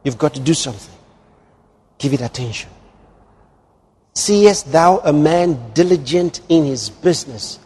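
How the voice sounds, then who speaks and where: A man's voice: fairly high pitch, lively intonation, unhurried, pauses often, breathy edge. Man preaching, dramatic swings, hall reverb. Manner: dramatic, swings from hushed to exclaiming. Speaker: pastor. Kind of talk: sermon.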